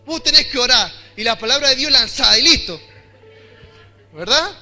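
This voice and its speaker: A young Argentine man preaches in a high, sharply bright voice and often builds to loud, emphatic declarations. Faint music plays behind him during the church service. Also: animated, normal speed. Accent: Argentine Spanish. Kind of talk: sermon with personal testimony.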